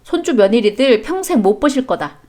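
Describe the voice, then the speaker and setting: A woman's voice: a little high, animated, a little fast, mellow. A woman reading a scripted chat story and voicing a protective young mother who scolds firmly. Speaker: story reader.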